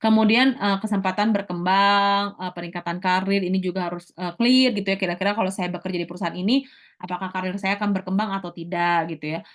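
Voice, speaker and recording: A middle-aged woman teacher giving a casual lecture, talking quickly with many fillers and restarts. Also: mid-range voice, fairly even intonation.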